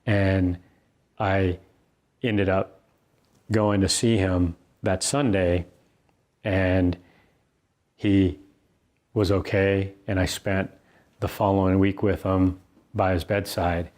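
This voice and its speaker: With a low, darkish voice that barely moves in pitch, a middle-aged man reads from his own book. The personal story comes across earnest and conversational, broken by thoughtful pauses.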